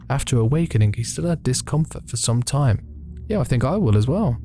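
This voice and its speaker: A man's voice: mid-range voice, warm tone, a little hiss or hum. A man playing a visual novel, reading its narration aloud and reacting with swearing and jokes. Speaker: gaming video host.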